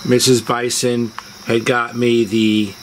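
In this casual storytelling video, the male host speaks slowly at a medium pitch with a level tone. He's outside on a house porch at dusk, with crickets and insects chirping through the outdoor noise.

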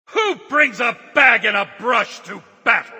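A pompous, gravelly king of gods. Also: extremely high pitch, big pitch swings, measured pace, bright, forceful tone, in a large hall, heavily acted. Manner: pompous, commanding. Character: arrogant king of the gods, thundering and proud. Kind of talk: video game taunt voice acting.

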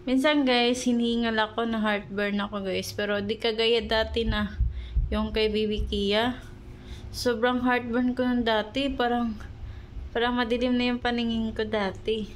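A young woman talks casually into her phone at home, her voice sitting fairly high. She rambles and searches for words, filling gaps with little pauses, and sounds slightly out of breath. A faint hiss runs under the recording. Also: little pitch movement. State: pregnant, short of breath. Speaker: vlogger. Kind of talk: casual chat vlog.

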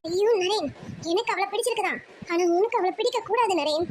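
A woman's voice: very high voice, quick pace, slight background noise. A woman voicing a loving but secretive middle-aged mother in a cartoon, lamenting and pleading. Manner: pleading, lamenting, sighing "aiyo". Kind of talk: cartoon voice acting.

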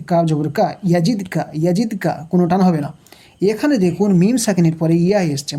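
A woman teaching tajweed, slowly spelling out letters and vowel marks, asking the learner questions and drilling each rule with patient repetition. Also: on the low side, dark tone. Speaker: Quran recitation teacher. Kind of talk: tajweed lesson, spelling out and reciting verses. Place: home recording, unseen.

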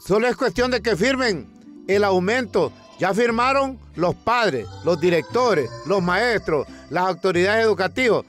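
Honduran male comic presenter, high voice, slangy storyteller who acts out chants, light music under him. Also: a bit bright. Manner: colloquial storytelling, acting out protest chants. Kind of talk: comic news monologue.

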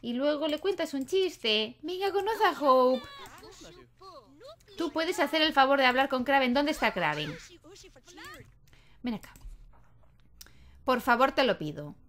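A young woman talks through a life-simulation game in a loose, chatty way. She scolds and coos at the characters like a doting mother. Her voice sits a little high. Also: animated, unhurried, long pauses, fairly bright tone. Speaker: gaming video host. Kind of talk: casual Let's Play commentary.

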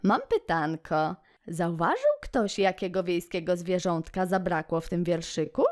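A woman hosting a children's educational video, speaking slowly and encouragingly in a sing-song way. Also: lowish voice, expressive.

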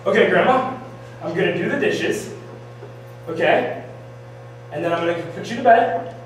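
A man's voice: sits high, moderate pace, noisy background. A teenage man playing an exasperated grandson in a stage improv scene. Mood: weary. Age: teens. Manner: exasperated, pleading. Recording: echoey stage from far off.

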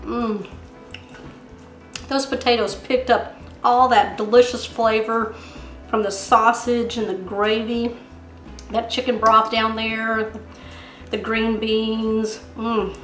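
A chatty woman walks through a home recipe step by step, her voice sitting a little high. The kitchen sounds roomy and echoey, with soft music faintly under her. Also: flat delivery, slow, long pauses. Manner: chatty, step-by-step, savoring the food. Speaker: cooking channel host. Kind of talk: casual cooking demonstration. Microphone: camera framed on hands and countertop.

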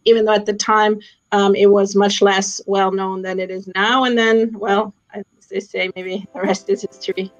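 A middle-aged woman from Austria who grew up in Switzerland, a sports executive appearing as an alumna guest, talks casually and thoughtfully with many fillers. Her voice is medium-pitched with little pitch movement at a normal speed, and faint music plays behind. She's on a laptop webcam in a small room with a plain wall, and the call audio is slightly dull.

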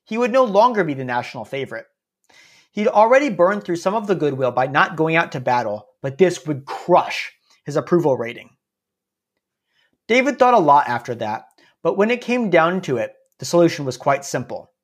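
A man's voice: a little high, big pitch swings, normal speed. A man narrating a story podcast in a casual, snarky way, dropping wry asides as he goes.

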